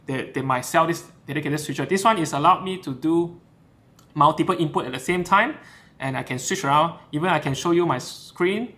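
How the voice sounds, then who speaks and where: Fairly high in pitch, brisk and bright with a forceful edge, this live stream host talks casually through his setup. His chatty delivery mixes English and Mandarin and is full of fillers and restarts, captured by a camera shotgun mic.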